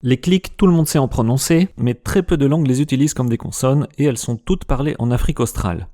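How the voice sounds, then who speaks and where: A man's voice: medium pitch, fast, mellow. A man giving a casual lesson and sounding out consonants to demonstrate them. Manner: demonstrating speech sounds aloud. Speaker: language teacher.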